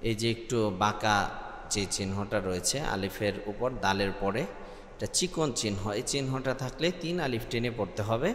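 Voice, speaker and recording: A man teaching Quran recitation step by step, spelling out letters one by one and breaking into loud, high melodic chanting for the verses. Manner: spells out letter by letter, with drawn-out filler sounds. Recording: echoey room with long reverb.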